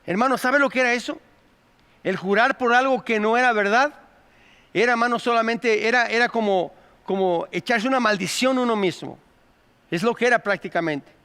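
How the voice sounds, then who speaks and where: A pastor with a Mexican Spanish accent delivers a sermon in an extremely high, smooth voice with a sharp tone at a moderate pace. He calls his congregation "hermano," meaning brother, and asks them rhetorical questions, his words carrying a long reverb through the church sanctuary.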